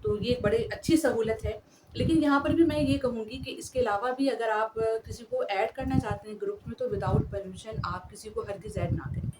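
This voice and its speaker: A woman with a slightly high voice hosts an etiquette talk, addressing her listeners earnestly and politely in a steady tone at a moderate pace. The mic is distant, and background noise is clearly audible.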